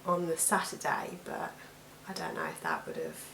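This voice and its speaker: A British woman with a croaky, allergy-affected voice, chatting casually to camera as a weight loss vlogger. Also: low voice, big pitch swings, normal speed, fairly bright tone. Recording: echoey room with background noise.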